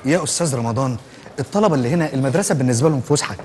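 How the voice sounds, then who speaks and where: A man's voice: mid-range voice, lively intonation, racing, a little mellow, slight background noise, natural voice. An actor playing an easygoing male science teacher with an offhand, laid-back way of talking. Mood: casual.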